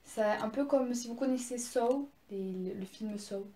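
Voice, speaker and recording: A woman's voice: fairly high pitch, a little slow, dark tone, echoey room. A young woman casually showing her presents, chatty and gushing, with many fillers and restarts. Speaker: vlogger. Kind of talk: casual haul video.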